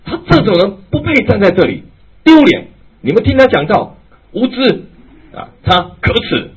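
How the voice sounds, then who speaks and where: A man voicing an angry male heckler who loudly denounces a preacher in front of a congregation. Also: sing-song, normal speed, breathy edge, exaggerated voice. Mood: outraged. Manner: shrill, shouting accusations. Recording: tinny phone-like, lo-fi.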